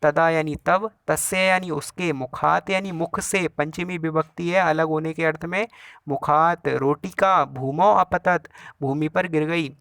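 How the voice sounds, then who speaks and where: Male teacher, explanatory, repeats and glosses each word, somewhat high-pitched. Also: steady tone, a little slow, vocal fry, a bit bright, no echo. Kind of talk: Sanskrit lesson, translating a story line by line.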